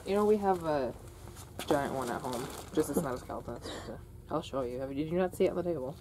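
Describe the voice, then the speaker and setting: Giggly young woman with a low voice. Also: animated, fast. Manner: giggly, hesitant, lots of fillers. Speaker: vlogger. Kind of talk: casual chat while shopping. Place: indoors in a store. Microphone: handheld camera. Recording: noisy store ambience.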